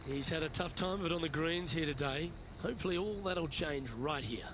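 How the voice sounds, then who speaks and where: A man playing a composed golf commentator in a video game, calling play in a polished, measured broadcast style. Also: fairly high pitch, noisy background, lightly acted. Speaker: golf commentator, lead anchor.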